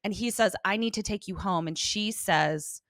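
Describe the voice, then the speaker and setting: A woman's voice: medium pitch, normal speed, no echo, studio quality. A woman co-hosting a podcast, chatting casually and acting out character lines as she recaps. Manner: animated, acts out character lines. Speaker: podcast co-host.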